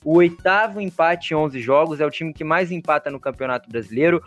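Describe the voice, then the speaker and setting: A man's voice: a little high, brisk, a bit bright, faint music behind. A Brazilian man hosting a sports show conversationally, often adding short check-in tags to his sentences.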